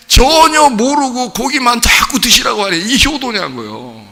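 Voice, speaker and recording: A male pastor preaching a sermon in a blunt, joking way, with sudden shouts and chuckles. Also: extremely high pitch, long reverb tail. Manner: animated, bursts into shouts, chuckles; blunt casual banter with the congregation. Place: church sanctuary.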